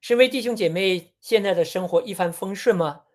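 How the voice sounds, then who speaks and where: A preacher giving a sermon on a Bible passage in a measured, teaching tone, often posing rhetorical questions. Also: mid-range voice, a little mellow.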